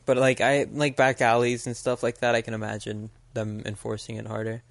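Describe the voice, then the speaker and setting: A man's voice: mid-range voice, monotone, a little fast, creaky, dry recording. An American man co-hosting a podcast, talking casually and rambling with lots of "like" fillers. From United States. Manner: rambling, filler-heavy, frequent "like". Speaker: podcast co-host. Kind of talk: casual chat.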